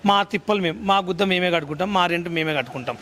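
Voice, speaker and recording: Earnest high-voiced man. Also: racing, sharp tone. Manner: earnest, pleading. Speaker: interviewee, friend of the guest. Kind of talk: casual interview talk.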